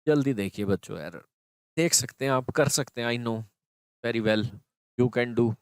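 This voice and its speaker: Male teacher, clear voice, dry sound. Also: medium pitch, unhurried, no echo. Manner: explains step by step, often checks in with students. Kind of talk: exam prep grammar lesson.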